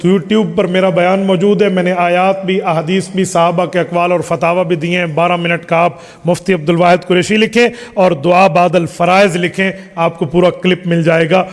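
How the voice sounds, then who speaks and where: Male Islamic scholar, higher pitch, emphatic and rhetorical, long reverberant hall sound. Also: flat delivery, normal speed. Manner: emphatic, rhetorical questions, lists points one by one. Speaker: Islamic scholar answering questions. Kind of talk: religious question-and-answer talk.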